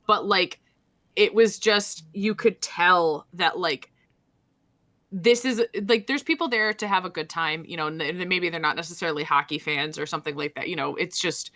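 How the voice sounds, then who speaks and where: Co-hosting a laid-back podcast, this young woman has a lowish voice and speaks at normal speed. Her chat is casual, and her storytelling is animated and meandering, heavy on fillers and frequent restarts.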